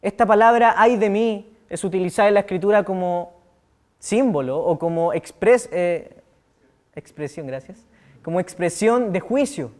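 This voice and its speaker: A young Chilean man preaching a youth sermon, animated, acting out quotes with loud outbursts and quiet asides. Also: high voice, measured pace.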